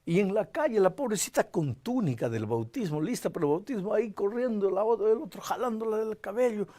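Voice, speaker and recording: A man's voice: sits high, expressive, fairly quick, mellow, dry recording. A male pastor telling a story in a sermon, acting out the voices of the people in it.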